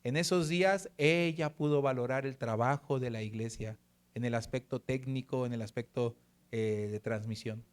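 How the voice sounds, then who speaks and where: Earnest pastor preaching. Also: male voice, medium pitch, clear, resonant tone. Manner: earnest, slows and softens for scripture verses. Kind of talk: sermon with personal testimony.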